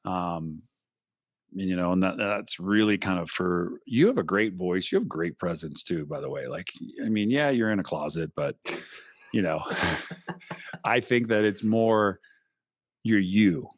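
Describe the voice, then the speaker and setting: A man's voice: deep voice, a little slow, no room sound, studio quality. A man, a former radio host, talking casually and animatedly as a podcast guest. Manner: animated, talks in long stretches, acts out quotes. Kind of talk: casual interview chat.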